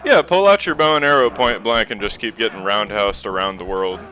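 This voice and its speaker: A man giving live gameplay commentary, sarcastic and frustrated, swearing and yelling at the game. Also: fairly low pitch, a little fast. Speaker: gaming YouTuber.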